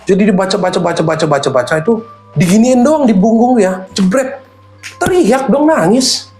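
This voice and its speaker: A man's voice: high-pitched, moderate pace, soft background music. A man, animatedly telling a true horror story in casual slang. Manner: animated, slangy, acts out voices. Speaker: guest storyteller.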